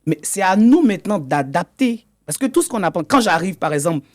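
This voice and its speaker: A man's voice: sits high, sing-song, brisk, darkish tone. A man, a guest in an interview, explaining his work as an economic intelligence consultant. He often stumbles and repeats words mid-sentence.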